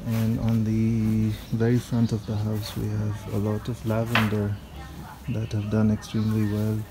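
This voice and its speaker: A man giving a casual narrated tour of his home garden, explaining plants in a relaxed way with frequent ums, recorded outdoors on a handheld phone. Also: on the low side, unhurried, music in the background.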